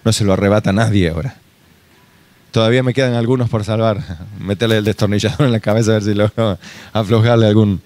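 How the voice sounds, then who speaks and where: A man's voice: lowish voice, fairly even intonation, quick pace, darkish tone, no room sound. A male pastor with an Argentine accent giving an earnest sermon and often calling his listeners brother. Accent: Argentine Spanish.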